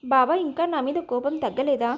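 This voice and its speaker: A woman voicing a fond, gentle young cousin. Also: high voice, normal speed, lightly acted.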